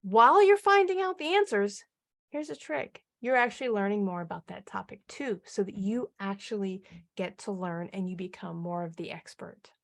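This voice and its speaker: A woman coaching a live online marketing training, energetic and upbeat, often firing questions at her audience. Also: medium pitch, moderate pace, gravelly.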